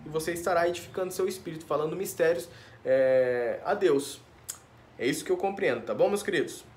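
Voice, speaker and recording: Brazilian male pastor, conversational preaching, slightly high voice, folksy and informal. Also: animated, a little fast, a little mellow. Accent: Brazilian Portuguese. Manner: informal, tag questions, addresses listeners as dear ones. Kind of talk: conversational sermon.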